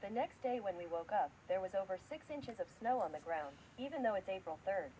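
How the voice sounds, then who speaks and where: A woman narrating a homemade story in a plain, even reading style, now and then adding short asides. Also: medium pitch, fairly quick, a little hiss or hum, low-quality recording.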